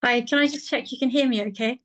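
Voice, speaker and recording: Higher-pitched woman, reflective and hesitant. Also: fast talker. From Bangladesh. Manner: warm, reflective, with many "um"s. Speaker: guest speaker, senior lecturer. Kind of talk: personal talk on a video call. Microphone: phone.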